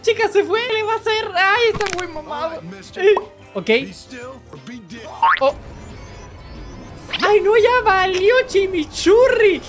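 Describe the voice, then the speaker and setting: Woman, very high voice, excitable reaction commentary, music clearly audible behind. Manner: animated, full of gasps and exclamations. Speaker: reaction video host. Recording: background music under the voice.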